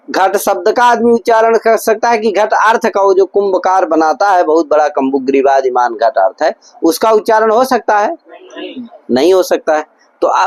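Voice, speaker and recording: A man's voice: high voice, poor audio. A man teaching Sanskrit grammar in a classroom lecture, drilling his students with constant repeated questions. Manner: repetitive, drilling explanations. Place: gurukul classroom.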